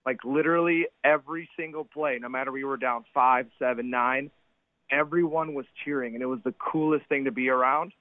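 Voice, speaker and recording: A man with a hoarse, worn-out voice from cheering, gushing casually as a fan calling a sports radio show. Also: mid-range voice, fairly even intonation, brisk, no room sound. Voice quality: hoarse, strained voice after shouting at the game. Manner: effusive, gushing. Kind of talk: excited casual fan chat. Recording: narrow-band phone call.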